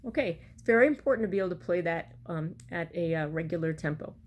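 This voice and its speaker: Lower-voiced middle-aged woman teaching music. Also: lively intonation, fast talker. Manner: step-by-step, counting out beats. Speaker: bagpipe practice chanter teacher. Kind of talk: instructional music lesson to camera. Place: small room at home, indoors. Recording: clear background noise, home recording. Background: metronome clicks at times, room noise.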